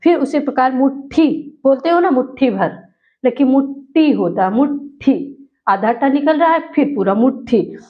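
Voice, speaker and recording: A woman teaching a spoken grammar lesson to students, repeating each word slowly and carefully to drill its pronunciation. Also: high voice, expressive. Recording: dull lo-fi recording.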